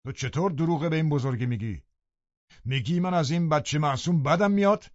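A man's voice: fairly low pitch, animated, dry recording. A man plays a scheming, brooding landowner in an audiobook. The voice stays menacing and heavy. The recording is dry and slightly dull. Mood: loud pleading. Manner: menacing, then loudly pleading. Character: scheming brooding middle-aged male landowner.

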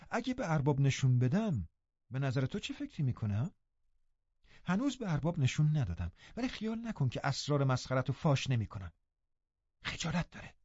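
Man putting on a stern housekeeper woman, scornful, firm, lively pitch, slightly dull sound. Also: dry recording. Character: stern scolding middle-aged housekeeper woman.

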